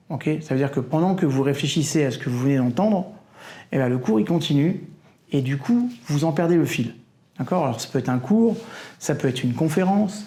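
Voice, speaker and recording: Warm-voiced man coaching viewers. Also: fairly high pitch. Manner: familiar and insistent, checks in with "d'accord?". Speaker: concentration coach. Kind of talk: direct-to-camera coaching talk. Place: indoor room with a painting beside him.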